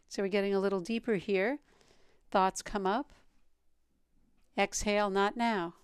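A woman leading a guided meditation as a teacher, speaking in a calm, meditative tone with a smooth, clear voice. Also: mid-range voice, dry recording, clean studio sound.

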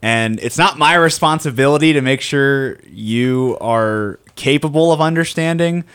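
A man's voice: medium pitch, unhurried, a bit bright, smooth. A man talking through his thoughts in a casual chat, with many fillers and repeated words.

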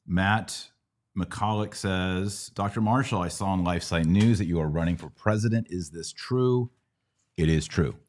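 A middle-aged American man with a bass voice and darkish tone hosts a conversational Bible Q&A. As a podcast host and Bible teacher, he teaches didactically, asking questions to check understanding.

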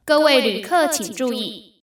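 A woman teacher reading flight notices as a female airport announcer, in a formal, measured way, as if over an airport intercom. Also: fairly high pitch, expressive. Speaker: Chinese teacher. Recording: roomy, distant-miked echo.

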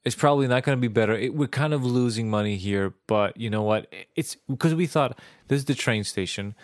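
A young man chatting casually, animated and laughing as he tells a story with friends. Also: medium pitch, fairly quick, dry recording, clean studio sound. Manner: animated, laughing, jumps in with asides. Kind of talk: casual chat.

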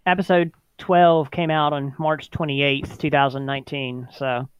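A podcast co-host with a smooth, clean voice chats in an easygoing way, dropping in quick agreements and laughing easily. The sound is dry and close, with a slightly dull, muffled top end. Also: medium pitch, little pitch movement, no room sound. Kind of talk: casual chat.

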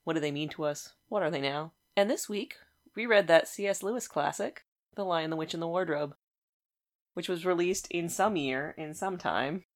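A woman's voice: fairly low pitch, normal speed. A woman hosting a book podcast, chatting casually in a blunt, emphatic way. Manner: blunt and emphatic, laughs often. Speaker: podcast host.

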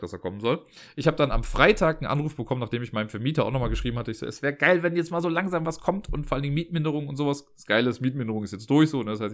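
A man telling a story in a chatty, exasperated rant from his living room, often tagging his sentences with a questioning "ne?". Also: medium pitch.

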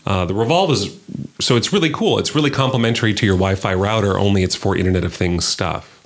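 A man's voice: lowish voice, quick pace. A man co-hosting a casual tech podcast, eagerly explaining gadgets with frequent ums and restarts. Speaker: podcast co-host.

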